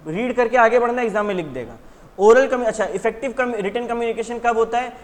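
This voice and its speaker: A man's voice: very high voice, fast talker, big-room sound. A man teaching an exam revision lesson in a conversational way, asking his students questions and then answering them himself. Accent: Indian English words.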